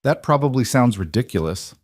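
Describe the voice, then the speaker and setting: A man's voice: medium pitch, lively intonation, a little fast, dry recording, clean studio sound, voice pushed up, lightly acted. A man voicing a tired woman doctor with a slight Southern accent, polite and apologetic. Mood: weary, apologetic.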